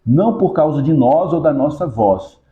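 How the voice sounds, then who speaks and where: A man's voice: expressive, moderate pace, roomy sound, phone-quality sound. A man, a pastor, teaching a Sunday school lesson with a hands-on demonstration, explaining step by step and checking in with his listeners. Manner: raises pitch in rhythmic command when casting out.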